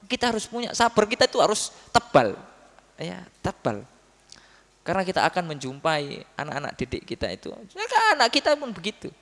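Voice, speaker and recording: A man giving a religious study talk, telling stories with lively acted quotes and often addressing his listeners as "Pak". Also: sits high. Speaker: preacher. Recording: long hall reverb.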